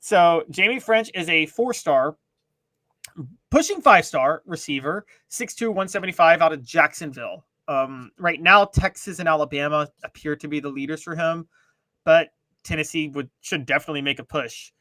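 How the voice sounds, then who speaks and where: A man co-hosting a sports talk show, talking casually with emphatic, animated delivery. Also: fairly high pitch, normal speed, no echo.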